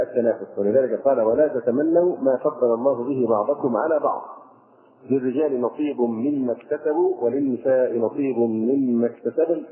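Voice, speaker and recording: Male religious teacher, quick delivery, narrow lo-fi recording. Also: medium pitch. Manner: explains verses line by line with fillers. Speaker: Islamic scholar. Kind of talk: religious lesson on scripture. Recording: tinny phone-like lo-fi recording.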